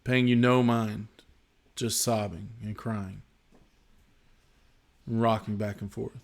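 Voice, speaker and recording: A man narrating as game master of a tabletop role-playing game, descriptive and unhurried, with frequent fillers. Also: on the low side, flat delivery, creaky, slight background noise.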